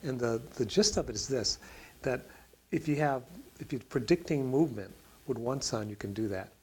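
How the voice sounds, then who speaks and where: A man's voice: medium pitch, animated, normal speed, a little mellow, slightly rough, poor audio. A man on a discussion panel answering a question, talking in a rambling way with many fillers and restarts.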